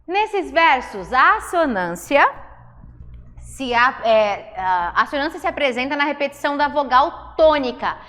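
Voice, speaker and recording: A woman's voice: high-pitched, big pitch swings, unhurried, a bit bright. A woman teacher with a Brazilian Portuguese accent, giving a classroom lesson and quizzing her students with questions as she explains. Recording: echoey hall from far off, noisy.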